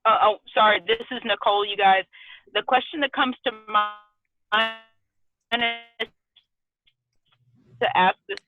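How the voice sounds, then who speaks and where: A woman's voice: medium pitch, a little slow, long pauses, no echo. A woman joining an online meeting, her voice breaking up and cutting in and out as she hurriedly and apologetically asks a question. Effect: voice breaking up, cutting in and out on a call. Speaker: meeting participant. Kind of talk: casual question on a video call. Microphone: remote call audio. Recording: tinny, dry call line with faint music.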